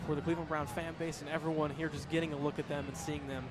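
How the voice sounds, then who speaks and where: Fast-talking enthusiastic male color commentator. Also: on the high side, level tone. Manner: enthusiastic, quick talker. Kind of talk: live sports commentary. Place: outdoor ballpark. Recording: outdoor ballpark broadcast with crowd and noise.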